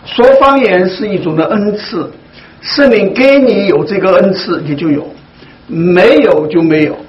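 A man with a high-pitched voice leads a Bible study, talking slowly and with many fillers as he explains scripture to a church group. The recording is dull and muffled, with a faint hiss behind him. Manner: slow, deliberate, with frequent fillers. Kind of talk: Bible teaching to a congregation.

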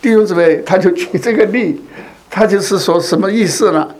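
A man delivers a sermon to his congregation, his voice sitting a little high. He circles back over his phrases and keeps asking rhetorical questions as he goes. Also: a little fast, darkish tone. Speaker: preacher.

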